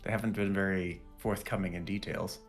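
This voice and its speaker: A man's voice: low-pitched, fairly even intonation, brisk, faint music behind. A man playing a tabletop game, teasing the others and joking in and out of character. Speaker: player.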